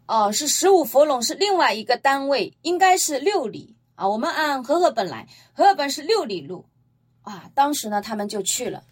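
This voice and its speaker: A woman preaching a Bible-teaching sermon, retelling scripture emphatically and posing rhetorical questions to her listeners. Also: high-pitched. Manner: emphatic, lively storytelling.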